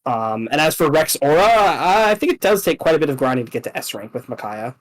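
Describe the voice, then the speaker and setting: A man's voice: on the high side, very animated, quick pace, low-quality recording. A man casually explaining game strategy, hesitant, with many fillers and restarts.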